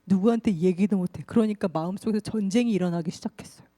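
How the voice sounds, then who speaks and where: A woman pastor preaching to young people, telling a personal story in a lively, colloquial way. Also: medium pitch, quick pace. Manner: lively, confessional storytelling, colloquial, laughs often.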